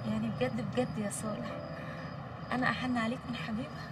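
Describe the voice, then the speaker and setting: A woman's voice: a little high, little pitch movement, quick pace, natural voice. An actress playing a doting, emotional Egyptian woman in a TV drama. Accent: Egyptian Arabic. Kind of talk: TV drama acting. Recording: distant mic, heavy background noise.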